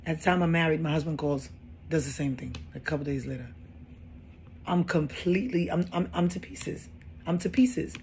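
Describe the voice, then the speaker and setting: A woman in her thirties recounts her own story in casual, animated speech, leaning on repeated phrases to drive each point home. A faint ambient hum sits quietly under her voice. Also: sits low, moderate pace. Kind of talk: personal storytelling.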